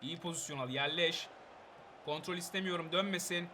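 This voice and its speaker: A young man giving excitable live gameplay commentary, urging on and scolding his players. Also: on the high side, brisk, slight background noise. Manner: excitable, shouts at players, bursts of laughter. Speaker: gaming channel host.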